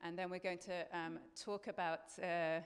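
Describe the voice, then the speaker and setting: A woman conductor introduces the music to a concert audience, hesitant and full of pauses. Her voice is smooth and resonant, with a long reverb trailing behind it in the hall. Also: fairly low pitch, steady tone. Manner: hesitant, many fillers and restarts. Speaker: conductor and lecturer. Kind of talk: pre-concert lecture.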